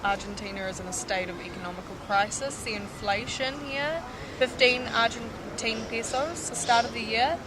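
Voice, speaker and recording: A woman's voice: on the high side, moderate pace. A young woman with a New Zealand accent, an upbeat volunteer talking casually to camera and often agreeing. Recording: clear noise behind the voice.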